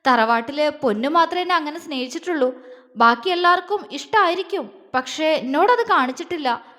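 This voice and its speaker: A woman's voice: high-pitched, lively intonation, fairly quick, pushed and bright, big-room sound. A woman voicing a young wife in a romance story, confiding her feelings in a tearful, heartfelt way.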